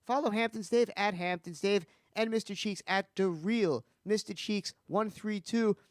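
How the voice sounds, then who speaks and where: A man hosting a casual sports chat on his radio show, with smooth radio-style sign-offs. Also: sits high, normal speed, dry recording, clean studio sound.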